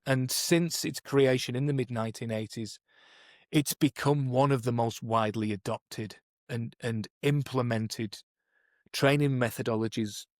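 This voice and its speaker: A man's medium-pitched, slightly mellow voice comes through clean studio sound with no room sound. As a podcast co-host and performance coach whose first language is English, he explains coaching methods in a thoughtful, conversational way, with many restarts and "you know"s.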